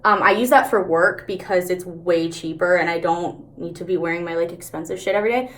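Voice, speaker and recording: A woman's voice: on the low side, fairly quick, a bit bright. A woman chatting casually through a makeup tutorial, candid, slangy and sweary, talking out of the side of her mouth.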